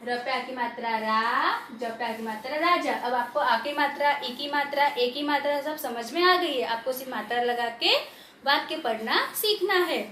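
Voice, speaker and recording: A woman teaching young children Hindi, spelling words out slowly syllable by syllable and quizzing the class to read along with her. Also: high-pitched, pushed and bright, slight background noise. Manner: patient, repeats and questions the pupils, drills them to read along. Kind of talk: slow spelling-out lesson, sounding out each syllable. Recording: roomy echo with faint ambience.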